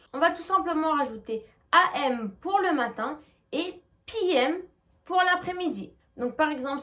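A woman teaching a lesson, patient and clear, slowly modeling English pronunciation. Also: high voice, a bit bright. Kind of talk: explanatory lesson.

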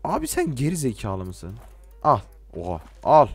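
A teenage man from Turkey giving casual, joking gameplay commentary, talking to game characters and swinging from quiet mutters to sudden shouts. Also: mid-range voice, wildly swooping pitch, normal speed, husky, soft background music. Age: late teens. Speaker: gaming YouTuber.

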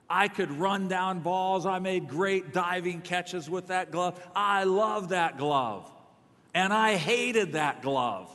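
A middle-aged male preacher, his voice pitched a little high, tells a story from his own life with self-mocking humor. He swings between loud, emphatic phrases and hushed asides. Long reverb from a large worship hall trails after every word. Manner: self-deprecating humor, lively swings in volume. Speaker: guest preacher. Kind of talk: sermon with personal storytelling.

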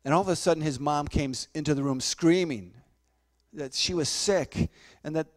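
A man's voice: fairly high pitch, normal speed. A man preaching a sermon as pastor, telling a personal testimony and acting out the voices of people in his story. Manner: storytelling, acts out voices, repeats words.

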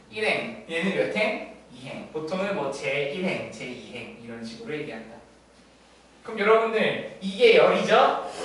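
A male math teacher giving a classroom lecture, often stopping to check in with students through quick tag questions. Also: high voice, fairly bright tone. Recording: echoey room, distant mic, faint noise.

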